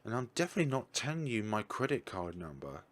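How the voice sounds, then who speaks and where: A man voices an AI copy of a young woman scientist, speaking calmly and precisely with a slight teasing edge. His pitch is fairly low and he talks fast, sounding embarrassed.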